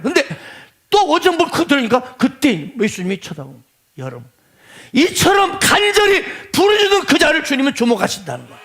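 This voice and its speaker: Gravelly, high-pitched preaching man. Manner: swings between quiet asides and shouted pleading. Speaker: pastor. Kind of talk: sermon.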